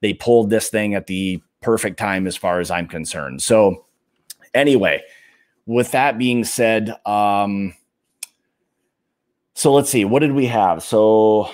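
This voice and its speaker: Man, middle-aged, low voice, livestream host, relaxed rambling chat, desk webcam. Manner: relaxed, rambling with many fillers. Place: home bar room lined with bottles.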